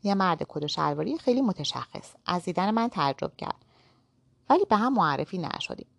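A woman narrating a novel aloud in the first person, in a steady storytelling manner. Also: on the low side, creaky, dry recording.

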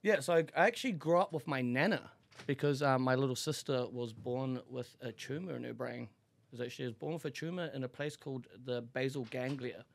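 As a guest on a podcast, this Auckland man with a New Zealand accent giggles and rambles through candid, casual stories about his life, full of slang. He talks a little fast in a mid-range voice with vocal fry.

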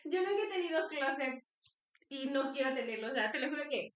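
A young Mexican woman with a high voice tells a story animatedly on a casual podcast. She acts out the voices as she goes. The sound is roomy and picked up from a distance. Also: expressive, fairly quick, a bit bright. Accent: Mexican Spanish. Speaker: podcast co-host.

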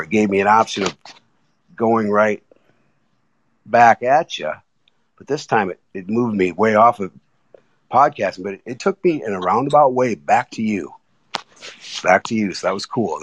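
This guest caller, dialing into a casual live-audio-app chat from his iPhone, talks eagerly but haltingly, often restarting. He has a fairly low pitch with a breathy edge, and the recording quality is low.

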